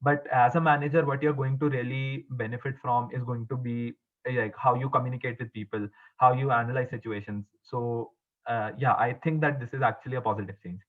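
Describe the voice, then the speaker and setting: A young man giving formal interview answers as an exam topper, speaking in a halting, earnest, explanatory way with frequent stumbles and repeats. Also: mid-range voice, steady tone. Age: young adult. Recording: muffled, phone-like narrow band.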